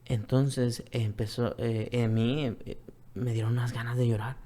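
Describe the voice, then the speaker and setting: A Mexican man, a guest on a talk show, recounts his own experience in plain conversational Spanish. His voice sits in an ordinary middle register. He repeats his phrases and often sinks into a hushed, breathy near-whisper. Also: mid-range voice, steady tone, a little slow. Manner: repetitive, earnest retelling, often drops to a soft near-whisper. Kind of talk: personal testimony, conversational storytelling.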